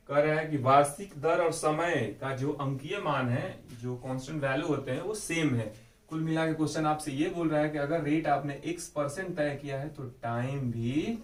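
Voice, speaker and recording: A man's voice: medium pitch, distant mic. Echoey, off-mic male math teacher. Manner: patient, repeats key steps with frequent "ठीक है" check-ins. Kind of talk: explaining exam math problems step by step.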